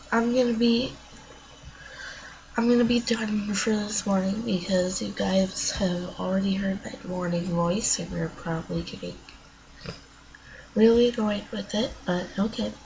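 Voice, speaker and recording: A woman's voice: medium pitch, fairly even intonation, a little slow, a little mellow, a little hiss or hum. A female channel host with a stuffed-up nose, chatting casually and rambling through gameplay commentary. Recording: dull lo-fi home recording.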